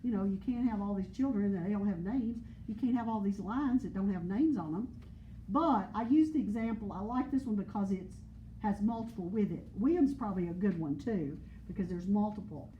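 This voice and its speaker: A woman teaches geometry to a classroom of students, explaining patiently and repeating key points with everyday examples. Her mid-range voice is a little fast, and the audio is dull with slight hiss or hum.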